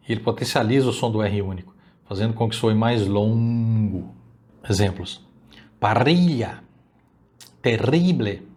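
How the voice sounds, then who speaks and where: Man, native portuguese speaker, spanish teacher, recorded online lesson, slow drawn-out example words. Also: medium pitch, a little mellow.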